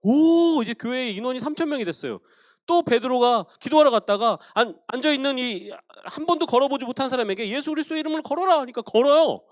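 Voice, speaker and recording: Animated male preacher with a high voice. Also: quick pace, no room sound, clean studio sound. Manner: animated storytelling, addresses listeners directly. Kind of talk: sermon.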